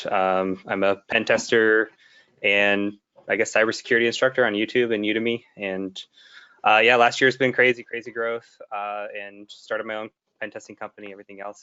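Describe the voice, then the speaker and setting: A man on a panel with a bright, sharp voice that sounds smooth and crisp. He talks in an upbeat, easygoing way over dull call audio. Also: fairly low pitch. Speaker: panel guest, pen tester and instructor. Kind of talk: casual panel chat.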